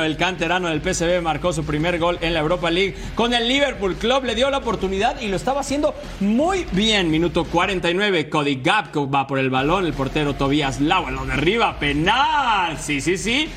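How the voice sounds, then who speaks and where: A man hosting a sports show, narrating football highlights with emphatic phrasing and chatty asides. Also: animated, normal speed, hardly any pauses, fairly bright tone. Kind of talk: football highlights narration over match clips. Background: background music.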